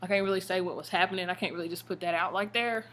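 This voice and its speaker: Chatty, expressive American woman vlogger. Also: fairly low pitch, racing. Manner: slangy, expressive, emphatic asides. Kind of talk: casual chatty storytelling vlog.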